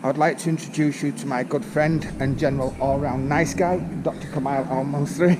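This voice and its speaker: A man's voice: a little high, steady tone, fairly quick. A British man presenting a casual vlog tour of a museum exhibition, friendly and self-deprecating with a few hesitations. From Britain. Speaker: host, museum project manager. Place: museum exhibition plaza, indoors. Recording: loud hum of air conditioning.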